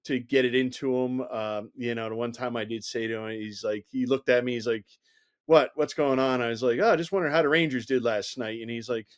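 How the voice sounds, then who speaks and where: A man's voice: mid-range voice, fairly quick. A middle-aged man, a former Secret Service agent, telling stories as a guest in a conversational interview, leaning on "you know" and acting out the dialogue. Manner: animated anecdotal telling, heavy use of "you know", acts out quoted dialogue.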